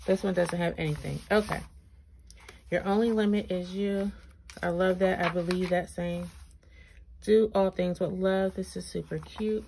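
A woman's voice: fairly low pitch, fairly even intonation, normal speed, vocal fry, mellow, poor audio. A woman with braces slightly impeding her speech gives a casual, chatty walkthrough, thinking aloud and reading items out. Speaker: planner reviewer, video host. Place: indoors at a tabletop, hands-only overhead shot. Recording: noticeable background noise with clicks.

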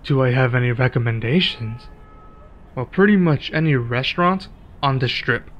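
A man performs a one-sided ASMR roleplay as a laid-back, friendly werewolf local, speaking casually and measuredly with pauses. His voice is medium-pitched, and the audio is dull.

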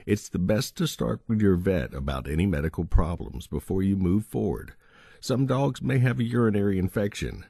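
A man reading a dog-training book aloud as its narrator, in a steady, instructive way. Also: low-pitched, normal speed, gravelly, slightly rough, no echo. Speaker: audiobook narrator.

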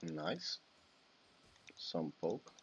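A young man with a Romanian accent, a gaming YouTuber, commentates over his own gameplay in a small room at home, swearing and exclaiming at misplays. His low voice is sing-song and extremely slow. The audio is dull, with a little hiss or hum.

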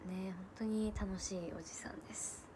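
A Japanese woman in her twenties hosts a casual livestream, telling family stories and answering comments with frequent laughs and soft asides. Her voice is medium-pitched and steady at a normal speed, with background noise behind it.

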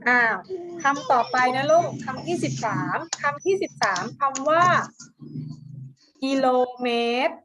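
A woman teacher giving a dictation lesson to children, repeating each word slowly and syllable by syllable, with a coaxing, affectionate manner. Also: high-pitched, a bit bright, a little hiss or hum. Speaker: primary school teacher.

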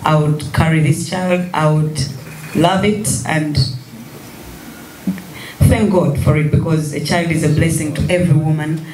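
A woman in her thirties answering questions at a press conference in a measured, gentle way. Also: low voice, steady tone. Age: 30s. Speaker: guest artist at press conference. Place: large room at a press table. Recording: echoey room, faint noise.

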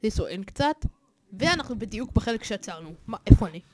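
A man hosting a horror game let's play, excitable and jokey, swearing often and yelling at the scares. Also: sits high. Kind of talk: gaming commentary.

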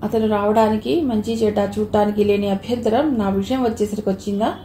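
Woman doing a defiant young wife, reproachful, sharp, mellow tone, roomy echo. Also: medium pitch, steady tone, a little fast, close to an everyday voice. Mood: bitter. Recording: echoey room, faint hiss.

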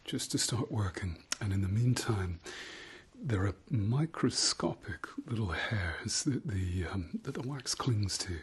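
A middle-aged man in an ASMR ear cleaning ASMR role-play as a calm, reassuring doctor, speaking softly and gently, close to the microphone. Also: on the low side. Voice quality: soft, breathy soft voice. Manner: gentle, reassuring, murmuring with slow pauses. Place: small indoor space with fabric backdrop. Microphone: close-up microphone, moving from side to side.

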